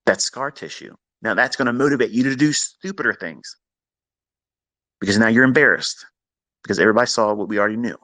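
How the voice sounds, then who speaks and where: A man's voice: on the low side, bright, forceful tone, dry recording. Blunt, scolding man lecturing traders. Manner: blunt, scolding, slows down for emphasis. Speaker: trading mentor hosting a live audio room. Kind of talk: lecturing monologue. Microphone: remote audio call.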